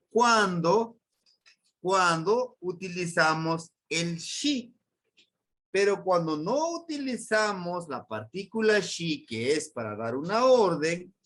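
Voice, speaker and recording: Man, Mexican accent, high voice, slow deliberate pace, classroom teacher, patient drilling. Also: a bit bright. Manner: patient, repeats words and quizzes the class. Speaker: language teacher. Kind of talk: classroom grammar lesson.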